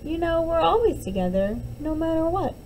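A woman voicing a gentle, reassuring mother of twins in a storybook, soothing and patient. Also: very high-pitched, very animated, normal speed, a little hiss or hum, pitched above the performer's own voice, low-quality recording.

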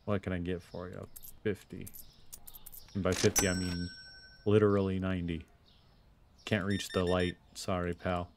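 A male gameplay host gives laid-back let's play commentary on a store management game, muttering whatever comes to mind. His voice sits low with a flat delivery and a moderate pace, broken by long pauses, and there's background noise.

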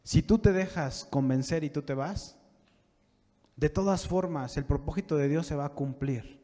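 A man preaching a sermon to young people, building from calm talk to fervent shouting. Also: on the high side, moderate pace. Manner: preaching with rising fervor, shouting at peaks. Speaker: pastor. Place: church sanctuary. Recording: long church reverb.

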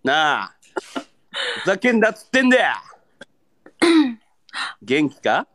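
A man's voice: fairly high pitch, very animated, unhurried, bright, forceful tone. A young man with a Kansai accent, a livestreamer bantering in mock anger and pleading with viewers for gifts. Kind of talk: live-stream battle banter.

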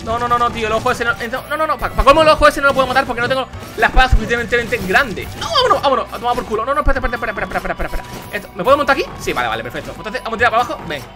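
A young man with a Spanish accent commentating a video game he is playing, casual, excitable, shouting and swearing when things go wrong. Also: very high voice, rapid-fire, over music. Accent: Spain. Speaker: gaming youtuber. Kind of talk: casual let's play commentary.

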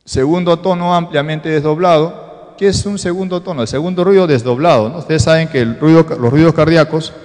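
Peruvian male lecturer, somewhat high voice, quizzes the class as he explains, long hall reverb. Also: fairly quick, a little mellow. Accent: Peruvian Spanish. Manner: explanatory, asks the class rhetorical questions. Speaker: medical lecturer. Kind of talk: exam-prep cardiology lecture.

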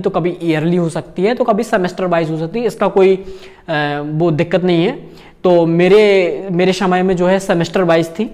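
Young man explaining a course to camera. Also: a little high. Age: young adult. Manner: casual, peppers talk with filler tags and gestures while explaining. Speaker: channel host, course guide.

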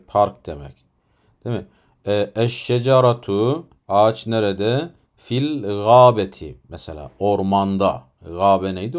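Turkish guy teaching arabic vocab, slow patient explaining, asks the class questions, lots of um's. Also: mid-range voice, a little mellow. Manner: frequent hesitation fillers.

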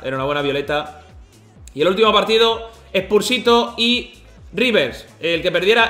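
A man recapping football matches as excited commentary, emotional and shouting at misses. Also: high-pitched, roomy sound. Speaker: team president and streamer recapping matches.

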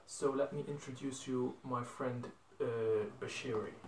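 A man's voice: medium pitch, level tone, measured pace, noisy background. A young man hosting a casual interview, asking simple questions with many hesitations and fillers. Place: living room indoors. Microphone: phone camera across a table. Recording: roomy, from a distance.

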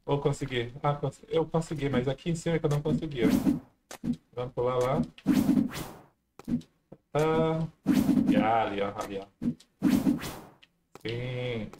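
Heavy background noise surrounds a man's unhurried, mid-range voice as he pauses at length between remarks. He's a streamer casually narrating his own gameplay for viewers, with plenty of exclamations.

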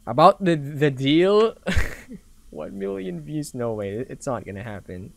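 A man's voice: on the high side, lively intonation, measured pace, vocal fry, a little hiss or hum. Jumpy young Filipino man streaming horror games. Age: young adult. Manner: scared, reactive gamer exclamations. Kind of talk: casual gameplay commentary.

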